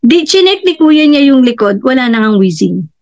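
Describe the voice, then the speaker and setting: High-pitched middle-aged woman doing an excited testimonial, acts out what her family said, kinda muffled lo-fi audio. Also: normal speed. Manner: animated, acts out quoted family members with sudden high-pitched jumps. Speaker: customer giving a testimonial. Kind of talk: personal testimonial storytelling. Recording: dull, slightly lo-fi recording.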